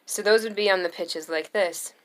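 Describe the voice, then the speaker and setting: A young adult woman giving a singing lesson, explaining slowly and calmly between sung demonstration notes. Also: medium pitch. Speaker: singing teacher.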